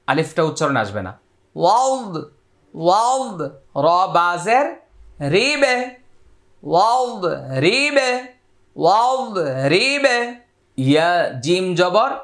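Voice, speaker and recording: A man teaching Quran reading, sounding out each Arabic letter and vowel mark before repeating the syllable. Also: fairly bright tone. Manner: drops to a lower, quicker voice for spoken instructions. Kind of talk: slow syllable-by-syllable recitation lesson.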